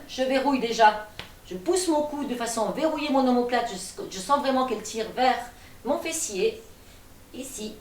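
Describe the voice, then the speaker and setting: A woman teaching a gentle gym class, calmly cueing breaths and movements while she demonstrates. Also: high-pitched. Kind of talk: guided exercise class. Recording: echoey room, voice from a distance.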